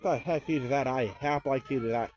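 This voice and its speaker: A man with an Australian accent, vlogging casually at an outdoor farm, excited and chatty, ending lines with "eh". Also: medium pitch, quick pace, slight background noise. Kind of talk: casual walking vlog. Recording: dull lo-fi sound, crowd and farm animals behind.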